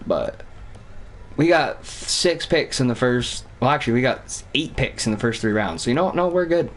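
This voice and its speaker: A young man from Vermont talks through a hockey management game on stream. He rambles, curses now and then and thinks out loud, at a pitch that sits mid-range for a man. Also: lively intonation, normal speed. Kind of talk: casual gaming commentary.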